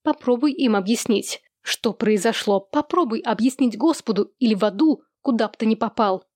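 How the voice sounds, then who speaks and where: A bitter, half-mad mother at the end of her rope, spitting accusations and threats, as a woman narrator voices her. The voice sits a little high for a woman and is recorded dry and close, with no room sound. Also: moderate pace, a little mellow, no room sound, close to an everyday voice. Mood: bitter accusing. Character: desperate furious mother, middle-aged woman, bitter and hysterical.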